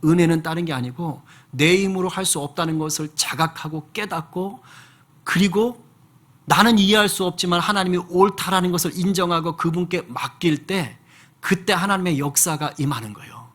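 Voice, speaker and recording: A male pastor preaching with a fairly high voice, speaking to his church like he is telling a friend a story. He asks the congregation questions as he goes and stays relaxed and direct. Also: normal speed. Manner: conversational storytelling with rhetorical questions. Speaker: senior pastor. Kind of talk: sermon.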